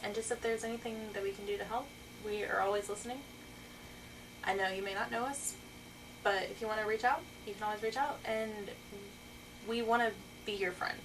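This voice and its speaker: A woman co-hosting a faith talk, speaking softly, hesitantly and with care. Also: mid-range voice, fairly even intonation, brisk, long pauses, far from the mic, background noise. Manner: soft, caring, hesitant. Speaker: co-host. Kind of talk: heartfelt faith talk to camera.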